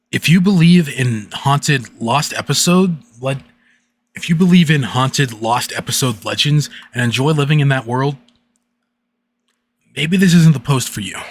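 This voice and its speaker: A man streaming late at night, chatting haltingly with many fillers and then reading a creepy internet story aloud. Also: mid-range voice. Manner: halting, filler-heavy chat between readings.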